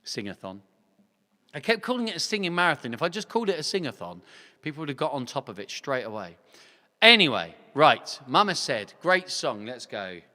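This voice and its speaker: This man's voice sits on the high side, pushed and bright, with big swings in pitch and a fairly quick pace. Casual and jokey, he rambles and pokes fun at himself while hosting a singing group livestream at home. He uses a talking mic placed next to a separate one for vocals.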